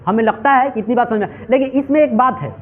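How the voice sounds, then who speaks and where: A man's voice: very high-pitched, quick pace. A male English teacher giving a classroom lecture, asking his students question after question and calling them "my children". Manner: repetitive call-and-response questioning. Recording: tinny phone-like audio.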